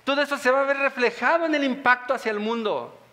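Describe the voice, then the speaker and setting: High bright preacher in a reverberant hall. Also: male voice, fast talker. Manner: asks the congregation rhetorical questions. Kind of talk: sermon. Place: church hall. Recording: music under long church reverb.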